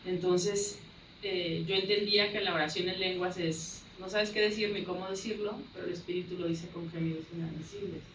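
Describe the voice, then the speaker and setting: A woman's voice: lowish voice, fairly even intonation, moderate pace, fairly bright tone, slight background noise. A middle-aged woman tells her personal faith testimony, acting out the dialogue as she goes. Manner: storytelling that acts out the dialogue. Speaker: church member giving testimony. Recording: roomy sound from a distant mic.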